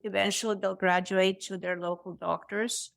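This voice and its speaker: A middle-aged woman from Sweden, a cardiologist guest speaking in a warm, reassuring way, laughing often and repeating words. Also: mid-range voice, fairly even intonation, moderate pace, vocal fry. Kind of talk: conversational interview.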